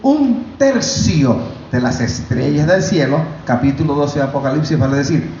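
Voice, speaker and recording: A man preaching a sermon, fervent, his voice climbing high when he voices God. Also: roomy sound, dull audio, a little hiss or hum. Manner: preaching, rising to loud fervent pitch when voicing God. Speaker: pastor. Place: church.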